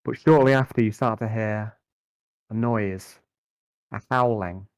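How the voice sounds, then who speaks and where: A man narrating a tabletop game as game master, improvising in a conversational, halting way and often repeating words. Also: on the low side, dry recording.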